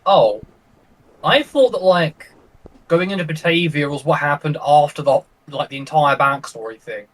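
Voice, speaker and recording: A male player chats loosely after a tabletop session, easygoing and joking. His voice sits fairly high for a man. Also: moderate pace, a bit bright, poor audio. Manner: easygoing, jokey.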